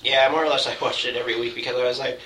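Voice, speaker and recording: A man's voice: medium pitch, flat delivery, racing, sharp tone. A man co-hosting a podcast, swearing a lot and ranting with animation in casual chat. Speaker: podcast co-host. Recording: echoey room with faint noise.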